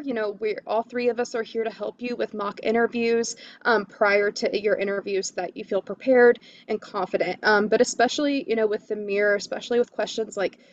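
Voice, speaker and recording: A woman's voice: mid-range voice, dull audio. A woman career coach giving interview tips in a webinar, enthusiastic, with lots of "you know" and "um". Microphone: video call.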